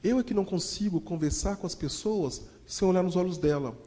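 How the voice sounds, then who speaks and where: A man's voice: high voice, a little fast, mellow, voice pushed up, natural voice. A man voicing a loving, insistent French foster mother with a French accent, tender and pleading in tone. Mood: gentle. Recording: long hall reverb.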